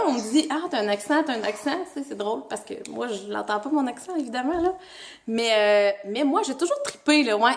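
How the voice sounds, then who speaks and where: A young woman with a Québécois French accent, a mother chatting casually to her vlog audience at home, rambling with lots of fillers and self-corrections. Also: on the high side. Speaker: mother and family vlogger. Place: family home indoors.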